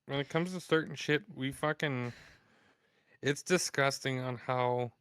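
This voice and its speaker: A man's voice: mid-range voice, measured pace, a bit bright, smooth, no room sound, clean studio sound. A Canadian man co-hosting a casual podcast, crude and heavy on swearing. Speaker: podcast co-host.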